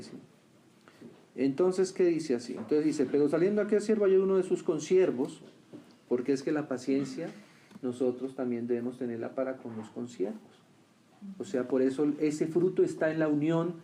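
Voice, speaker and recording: A man preaching a sermon who keeps asking his listeners questions and answering them, rising loud on key lines and dropping low and quiet on others. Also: slight background noise. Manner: swings between raised emphatic lines and quiet low remarks.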